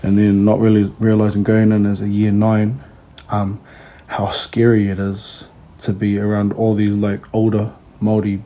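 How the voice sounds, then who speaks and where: A man's voice: on the low side, completely flat delivery, moderate pace, dark tone. A man in his thirties with a New Zealand accent, chatting casually as an interview guest. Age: 30s. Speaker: kapahaka tutor, interview guest. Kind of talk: casual chat.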